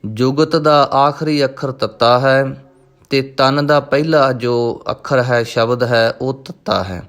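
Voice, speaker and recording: A man teaching the correct pronunciation of scripture, reciting each verse slowly and then explaining patiently. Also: medium pitch, a bit bright.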